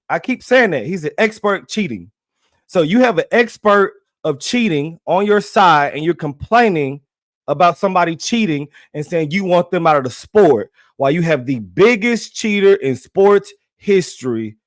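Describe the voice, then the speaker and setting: A man's voice: high-pitched, dry recording, clean studio sound. A young man, animatedly hosting a casual livestream and repeating himself as he talks straight to his viewers in slang. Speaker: livestream host.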